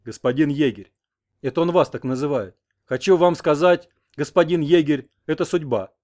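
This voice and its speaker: A man's voice: a little high, normal speed, a little mellow, natural voice. A man voicing a nervous young male interpreter relaying a marriage proposal. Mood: flustered.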